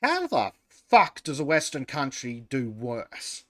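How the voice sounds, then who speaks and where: A man's voice: medium pitch, huge pitch swings, takes it slowly, a bit bright, no echo. A man co-hosting a podcast, chatting casually over a remote call, laughing often and swearing freely. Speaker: podcast co-host. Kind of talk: casual chat.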